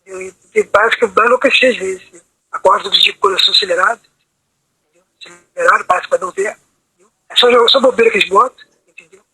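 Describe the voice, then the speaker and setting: A man's voice: high voice, expressive, very fast, gravelly, long pauses, sharp tone, husky, dry recording, rough recording. A man on a video call telling a long personal account, rambling and asking "entendeu?" after almost every phrase. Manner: rambling, repeats "entendeu?" constantly. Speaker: meeting participant.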